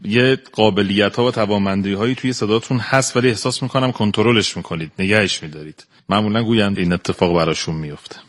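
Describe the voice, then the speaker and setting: A man giving measured feedback as an audition judge. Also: on the low side. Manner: measured, critiquing.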